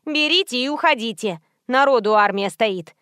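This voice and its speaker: A woman's voice: on the high side, animated, moderate pace, clear, resonant tone, dry recording, clean studio sound. A woman reading an audiobook voices a rude young shop cashier who answers curtly and sharply. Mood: snappy. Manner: snappy, sharp and loud.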